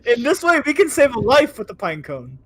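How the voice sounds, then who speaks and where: A man playing a tabletop game, animated and stammering, often laughing. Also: very high-pitched, a little fast. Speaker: player. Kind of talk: casual tabletop play.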